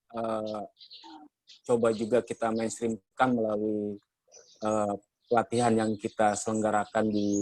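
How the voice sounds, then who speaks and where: An Indonesian man moderating a journalism training session, speaking in a measured way with many hesitations. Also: lowish voice, a little mellow, no echo, poor audio. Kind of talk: workshop moderation, lecturing.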